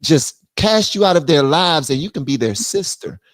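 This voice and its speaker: This livestream host's pitch sits fairly high, and he talks at a moderate pace with no echo in the recording. Covering political commentary, he's animated and blunt, peppering his talk with slang and slipping into mock voices.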